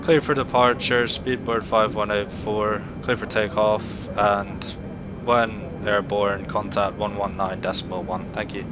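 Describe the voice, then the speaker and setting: A man's voice: lowish voice, flat delivery, measured pace, background noise. Man on a cockpit headset, radio calls. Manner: clipped aviation phraseology. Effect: pilot talking on a cockpit headset. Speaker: virtual airline pilot. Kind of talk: pilot radio calls in flight sim. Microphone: headset mic.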